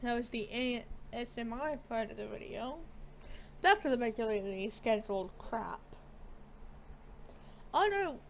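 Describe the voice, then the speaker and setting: A woman's voice: a little high, normal speed, creaky, slight background noise. A woman giving casual, playful game commentary into a desk mic, joking at her own expense and swearing lightly. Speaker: gaming video creator.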